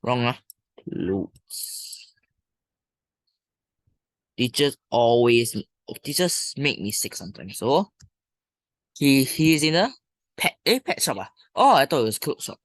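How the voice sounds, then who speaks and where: Here the same kind of teacher, a primary school English instructor with a Malaysian or Singaporean accent, goes over lesson exercises in a relaxed way, musing aloud with colloquial particles. The mid-range voice is sing-song and moderately paced, with no room sound at all.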